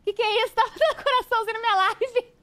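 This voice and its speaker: A woman with a Brazilian accent chatting on her stream, teasing playfully with baby talk and sudden shouts. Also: extremely high pitch, quick pace, noisy background. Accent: Brazilian Portuguese. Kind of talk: casual chat on a stream.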